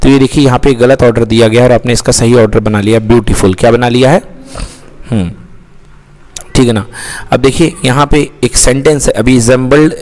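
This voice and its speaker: A man's voice: medium pitch, fairly even intonation, brisk, a little mellow. Hindi-speaking man teaching in a reverberant room. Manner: asks questions and answers them himself, calls listeners beta. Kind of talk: Hindi-English classroom lesson. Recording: long reverb.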